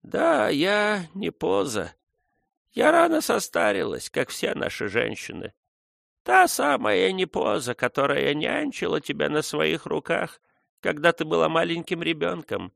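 A man voicing a toothless old native woman who once nursed the heroine. She speaks slowly and tenderly, mumbling through bare gums, in a thin, raised voice. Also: very animated, creaky, fairly bright tone, dry recording, studio quality, full character voice. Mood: tender, reminiscing. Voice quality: mumbling, lisping toothless speech. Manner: slow, high, tender. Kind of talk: audiobook character voice.

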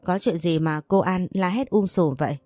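A woman's voice: fairly low pitch, moderate pace, dark tone, no echo, soft background music, close to an everyday voice. A woman voicing a stubborn young wife in an audio story, blunt and defiant. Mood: exasperated. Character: stubborn young wife who won't be bullied.

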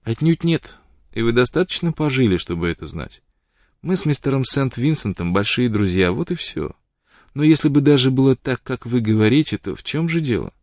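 A man voicing a proud, quick-witted young woman who answers with sharp, challenging retorts. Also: mid-range voice, sing-song, dry recording, clean studio sound, voice pushed up.

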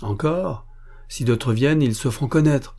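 A man reading an audiobook, voicing a suspicious male sentry who questions gruffly. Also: medium pitch, normal speed, warm tone, voice pushed up, close to an everyday voice. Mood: insistent.

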